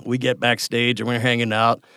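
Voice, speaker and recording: A man, a band member guest telling stories in a casual, profane, animated way. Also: mid-range voice, normal speed, clean tone, dry recording, clean studio sound. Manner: profane, animated storyteller who acts out quotes. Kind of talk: casual storytelling chat.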